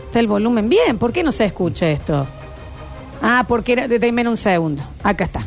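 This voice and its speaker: A woman co-hosting a loose studio chat show, talking casually and sometimes struggling with the gear on air. Her voice sits a little high, and soft music plays faintly underneath. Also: sing-song, brisk. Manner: chatty, playing clips on air. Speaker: radio show co-host.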